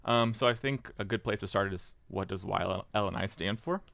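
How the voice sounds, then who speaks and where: A young man, a podcast guest, chatting casually with jokes and halting fillers. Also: lowish voice, gravelly, fairly bright tone, no echo. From Indiana. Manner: joking, self-deprecating, halting with fillers. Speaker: podcast guest, market board member. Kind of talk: casual interview chat.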